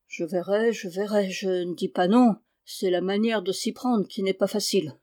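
A gruff, blustering farmer father from a classic storybook, read by a woman. He speaks in a plain, mid-pitched voice. The reading stays close to the reader's own tone. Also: steady tone, moderate pace, warm tone, close to an everyday voice.

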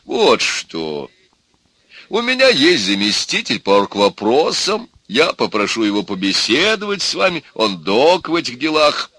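A man's voice: medium pitch, huge pitch swings, measured pace, pushed and bright, breathy edge, dry recording, pitched above the performer's own voice, exaggerated voice. A man voicing a hesitant, officious magic man. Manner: hesitant, then bureaucratic.

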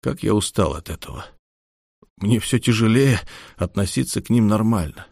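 A man voicing a calm, tired, terse police investigator in an audiobook. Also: fairly low pitch, normal speed, gravelly, no room sound, clean studio sound. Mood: weary. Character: weary, calm male police investigator captain. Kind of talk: scripted audiobook character acting.

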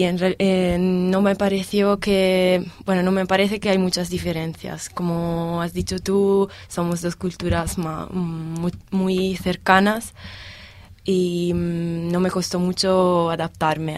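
A young woman in her twenties from Italy, speaking Spanish as a second language with an Italian accent, answering interview questions with pauses while she searches for words. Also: fairly low pitch, flat delivery, no room sound. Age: 20s. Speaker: guest, exchange student.

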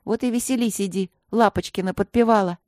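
A woman's voice: mid-range voice, fairly even intonation, brisk, darkish tone, dry recording, clean studio sound, natural voice. A woman reading a storybook voices a prickly, scornful teenage girl who snaps with contempt. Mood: angry. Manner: snapping and contemptuous.

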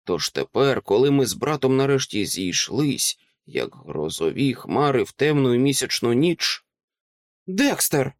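A man narrating an audiobook with a dramatic, expressive reading. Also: mid-range voice, a little slow, hardly any pauses, dry recording, clean studio sound.

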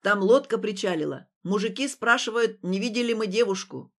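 A woman reading a nosy young lad who rushes in with news. Her voice dips lower and louder for him. Audiobook figure. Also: close to an everyday voice. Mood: excited. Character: young red-haired village lad, curious.

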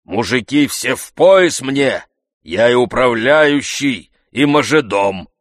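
A man voicing a grumpy old male servant who wheezes hoarsely and scolds hotly. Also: mid-range voice, lively intonation, dry recording, studio quality, pitched above the performer's own voice. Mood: boastful. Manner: heated, scolding, quick to shout.

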